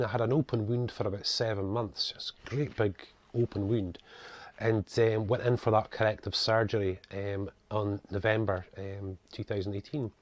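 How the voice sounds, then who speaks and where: A man's voice: lowish voice, dry recording. A middle-aged man with a broad northeast Scottish accent, slightly toned down, giving a chatty, casual introduction as an author presenting his own videos. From northeast coast of Scotland. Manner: chatty, frequent 'you guys' and 'you know'. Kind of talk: casual spoken introduction to camera.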